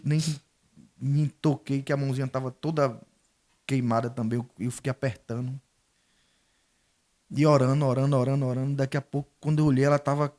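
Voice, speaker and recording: Middle-aged man, guest on a faith chat, mid-pitched voice, tells his testimony and acts out the voices in it. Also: darkish tone. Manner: storytelling, acting out quoted dialogue.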